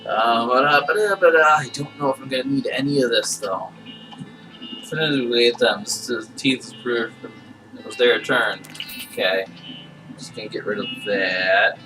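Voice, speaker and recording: A man's voice: medium pitch, normal speed. A man giving casual playthrough commentary, thinking aloud in a playful mutter as he plays. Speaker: gamer playing and narrating a game. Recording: distant mic, game music behind.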